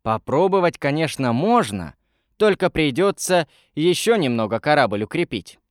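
A man voicing a young girl sorceress who speaks softly and thoughtfully, tired but determined. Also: a little high, very animated, normal speed, dry recording, studio quality.

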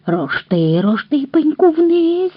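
A woman voicing a sly old peasant grandmother, chanting softly under her breath. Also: high voice, very animated, slow pace, no echo, pitched above the performer's own voice, full character voice. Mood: hushed. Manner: soft, hushed chant. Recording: dull dry recording.

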